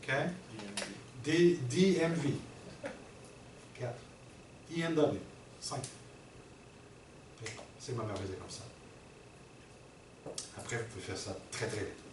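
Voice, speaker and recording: A workshop presenter teaches a room with an audience, explaining things and checking in with them often. His mid-range voice has lively intonation, a slow pace and frequent pauses. The recording sounds roomy and distant, with background noise.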